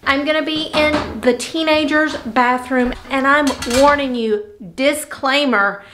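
A woman's voice: high voice, steady tone, measured pace, noisy background. A woman in her forties hosting a home cleaning vlog, explaining her routine in a friendly, conversational way, step by step. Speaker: host of a home cleaning channel. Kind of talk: casual chatty vlog talk and tips.

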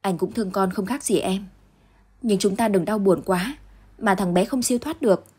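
A woman reading as a gentle consoling husband. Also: medium pitch, moderate pace, husky, close to an everyday voice. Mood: tender. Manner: soft, soothing.

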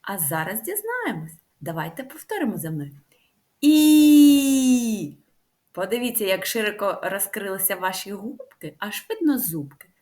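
A woman speech therapist giving a lively, sing-song lesson to young children, stretching out the vowel sounds. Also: mid-range voice, brisk, hardly any pauses.

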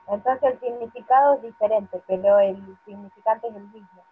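A woman student asking short questions and quickly agreeing during a lecture. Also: medium pitch, phone-quality sound, a little hiss or hum.

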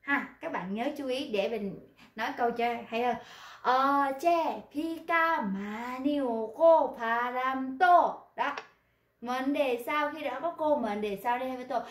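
A woman teaching Korean pronunciation in an online class, patiently repeating words slowly to model them. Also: high voice. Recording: roomy echo.

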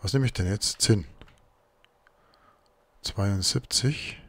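A man's voice: lowish voice, slow, a little hiss or hum. A man giving casual let's play commentary, muttering to himself as he works through crafting.

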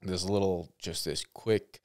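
A young man hosting a podcast, easygoing and chatty, asking quick follow-up questions and sharing his own stories. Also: deep voice, steady tone, darkish tone. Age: young adult. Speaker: podcast host. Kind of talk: casual chat.

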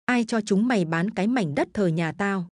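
A woman's voice: medium pitch, expressive, moderate pace, no room sound, studio quality, close to an everyday voice. A woman voicing an angry, stubborn old village grandmother, scolding shrilly.

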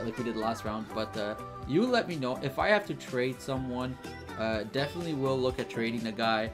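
A man giving casual, think-aloud commentary over his gameplay, with frequent fillers and restarts. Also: mid-range voice. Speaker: gaming channel host.

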